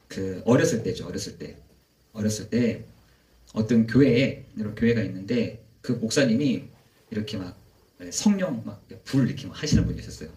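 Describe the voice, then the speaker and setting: Animated preacher in an echoey church. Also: male voice, medium pitch, recorded from a distance. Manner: rhetorical questions answered by himself, emphatic storytelling. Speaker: pastor. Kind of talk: sermon.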